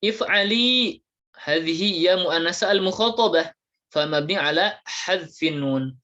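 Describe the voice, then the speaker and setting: A teacher giving an Arabic grammar lesson, slowly drilling word forms one by one with many repetitions. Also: medium pitch, bright, forceful tone, lo-fi sound. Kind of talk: classroom lesson.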